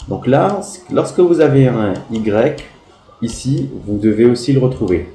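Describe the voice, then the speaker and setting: A man's voice: medium pitch, expressive, measured pace, warm tone, reverberant, a little hiss or hum, low-quality recording. A man teaching a primary class, going over pupils' spelling work and spelling words out letter by letter.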